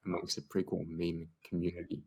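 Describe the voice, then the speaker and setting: A man with a very deep voice co-hosts a podcast styled as a jokey awards show. He talks in a loose, playful way and wanders through his thoughts with many fillers. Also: completely flat delivery, a little fast, a little mellow, poor audio. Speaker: podcast co-host. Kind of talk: casual chat, mock awards show.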